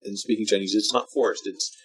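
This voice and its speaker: Low-pitched man, drunk, halting delivery, casual meandering film commentary, unfinished thoughts. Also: steady tone, a bit bright, husky. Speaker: vlogger reviewing a film. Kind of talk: casual rambling movie commentary.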